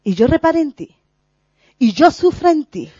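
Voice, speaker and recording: Earnest woman, lively voice. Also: high-pitched, dry recording. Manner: earnest, halting, many restarts and fillers. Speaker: lay preacher sharing a spiritual reflection. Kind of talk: informal religious talk. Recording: dull lo-fi recording.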